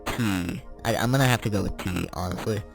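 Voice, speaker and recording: A teenage boy chatting casually while playing a game, rambling and correcting himself as he answers quick questions. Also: fairly low pitch, creaky, soft background music. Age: teens. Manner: rambling, self-correcting, chuckling. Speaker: gaming vlogger.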